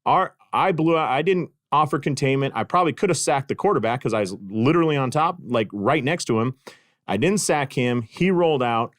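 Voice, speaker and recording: A middle-aged man hosts his podcast and tells stories in a casual, self-deprecating way, full of fillers and restarts. His voice sits at an ordinary pitch and comes across close and dry on the microphone. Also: fairly quick, dry recording. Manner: animated, self-deprecating storyteller with frequent fillers. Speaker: podcast host and clinic consultant. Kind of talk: casual storytelling monologue.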